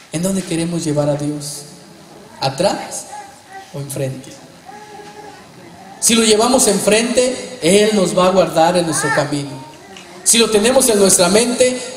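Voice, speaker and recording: High-voiced preacher in an echoey hall. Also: male voice. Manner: addresses the congregation as brothers with rhetorical questions. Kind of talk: sermon. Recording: echoey hall, faint background noise.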